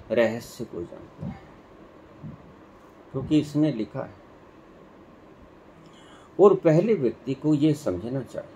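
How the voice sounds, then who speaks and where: A man delivers a sermon as a spiritual teacher, unfolding a parable at a very slow, deliberate pace. His voice is mellow and warm, and he acts out the characters' exchanges. A faint steady hum sits behind him. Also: mid-range voice, poor audio. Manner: slow storytelling, acting out dialogue.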